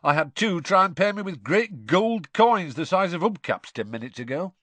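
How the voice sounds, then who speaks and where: A man voicing a blunt, suspicious older male campsite keeper who speaks loudly and gruffly. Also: high-pitched, big pitch swings, normal speed, no room sound, pitched above the performer's own voice, exaggerated voice. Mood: suspicious chatty.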